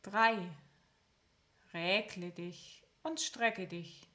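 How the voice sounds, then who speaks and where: Long pauses mark this slow countdown from a woman guiding progressive muscle relaxation. Her voice is mid-range, and she delivers each step of the instructions calmly.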